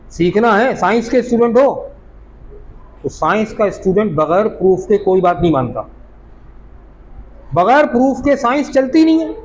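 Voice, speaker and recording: High-voiced man teaching English grammar. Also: slight background noise, low-quality recording. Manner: explains patiently, asks the class questions. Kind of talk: classroom lecture. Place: classroom.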